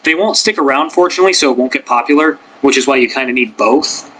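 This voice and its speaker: On a podcast panel about ASMR, a man chats casually, rambling into asides and leaning heavily on fillers, especially "like." His mid-range voice is fast, a bit bright, and husky, in a rough recording.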